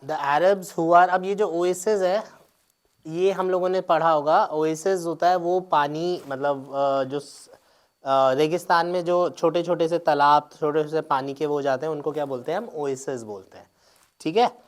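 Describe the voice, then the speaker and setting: A man's voice: on the high side, measured pace. Guy teacher going thru exam answers, hindi and mixed, keeps saying "right". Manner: explains step by step, mixing Hindi and English, with frequent check-ins. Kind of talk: exam paper explanation lecture.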